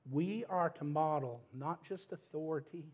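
A man's voice: on the high side, normal speed, a little mellow, lo-fi sound. A middle-aged man preaching a sermon as pastor, speaking emphatically and directly to his congregation.

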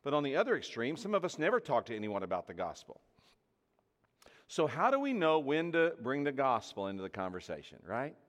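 A man's voice: mid-range voice, fairly quick. A man preaching a sermon to a congregation, telling a personal story and acting out the voices in it. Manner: animated storyteller acting out dialogue. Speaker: pastor. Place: church hall with audience. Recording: long hall reverb.

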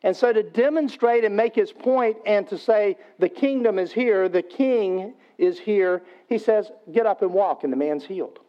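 A man's voice: high voice, moderate pace, hardly any pauses, lo-fi sound. A man preaching a sermon, retelling scripture stories in a conversational, everyday way. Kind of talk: sermon storytelling.

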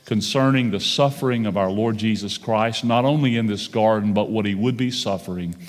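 A pastor preaching a sermon at a pulpit microphone in a church sanctuary, speaking in a measured way, slowing down on key phrases and often saying "uh" and "um". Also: male voice, fairly low pitch. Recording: long church hall reverb.

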